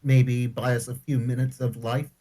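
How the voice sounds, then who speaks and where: A man's voice: mid-range voice, level tone, normal speed, dark tone. A man taking part in a tabletop role-playing game, talking casually as a player and partly in character.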